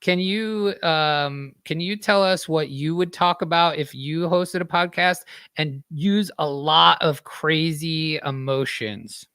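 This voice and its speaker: A man's voice: a little high, takes it slowly, few pauses, bright, forceful tone, clear, resonant tone, no echo, clean studio sound. Laid-back man co-hosting a podcast. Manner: laid-back, fillers, laughs easily. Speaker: podcast co-host. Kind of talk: casual chat. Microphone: headphones and podcast mic.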